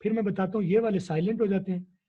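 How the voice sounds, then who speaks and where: High, husky man teaching language. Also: fairly even intonation, fast talker. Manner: teacherly, repeats key words to drill them. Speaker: English teacher. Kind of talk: explanatory interview answers. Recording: dull lo-fi recording.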